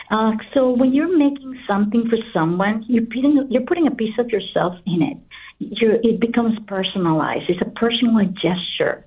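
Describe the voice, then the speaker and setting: A middle-aged Guatemalan woman, a company founder, tells her own story conversationally as an interview guest. Her voice is fairly high with a breathy edge, and the recording sounds slightly distant and narrow, like a phone line.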